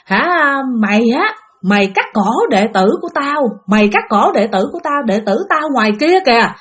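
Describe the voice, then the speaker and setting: A woman's voice: on the high side, very animated, normal speed, fairly bright tone. Lady doing a furious duck spirit guy, threatening, voice jumps all over. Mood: menacing. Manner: threatening, scolding. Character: angry male duck spirit with grandfather's face.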